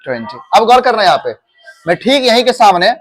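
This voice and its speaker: A man leads a classroom pronunciation drill in a high voice. He asks the class a question, then repeats it back to them. Faint music runs under the lesson. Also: fairly quick. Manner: addresses students as "beta". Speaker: coaching class teacher. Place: classroom with students.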